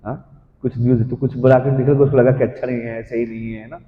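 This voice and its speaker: Man giving a lively devotional talk in an echoey hall. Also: medium pitch. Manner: animated storytelling, acting out quoted voices; reads English commentary slowly. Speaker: preacher. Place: temple hall. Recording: dull, hall-like echo.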